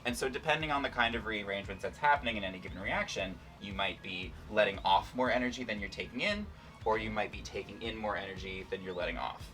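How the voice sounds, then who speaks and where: A man's voice: on the low side, quick pace, bright, forceful tone, recorded from a distance, faint music behind. A man hosting a casual science demonstration, explaining things informally and playfully. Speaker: host, scientist.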